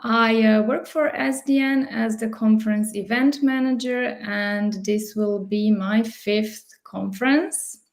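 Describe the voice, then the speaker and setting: A woman from Croatia working as a conference event manager, explaining her job in a measured, orderly way on a video call. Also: on the high side, steady tone. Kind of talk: casual video-call chat.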